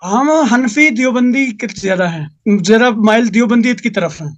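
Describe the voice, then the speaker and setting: A man in a heated religious debate who talks dismissively and lectures, often cutting in over the other speaker. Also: very high voice. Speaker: debate opponent.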